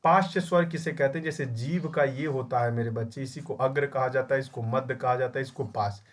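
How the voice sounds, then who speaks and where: A man's voice: mid-range voice, brisk. Young male tutor, scolds and drills, repeats each question back to the class. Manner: scolding, calls students "my child". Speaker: exam-prep Hindi grammar teacher. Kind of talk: online class lecture.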